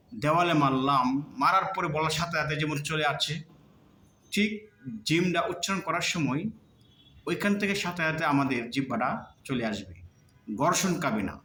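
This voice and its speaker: A man teaching pronunciation in a slow lesson. He repeats each sound in drawn-out drills to show how it should be said. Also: fairly high pitch, sharp tone. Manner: demonstrates sounds by drawn-out repetition. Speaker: teacher of Arabic letter pronunciation. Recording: echoey room.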